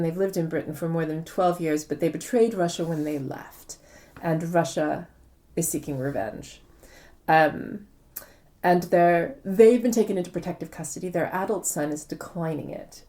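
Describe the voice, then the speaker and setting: A female author being interviewed speaks in a somewhat low, very soft-edged and mellow voice. She explains things articulately, step by step.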